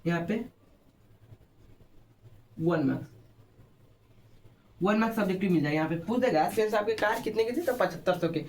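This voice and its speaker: Speaking at a normal pace with long pauses, this high-voiced man teaches exam prep in a Bihari Hindi accent. Short questions keep coming, and he repeats each answer for his students.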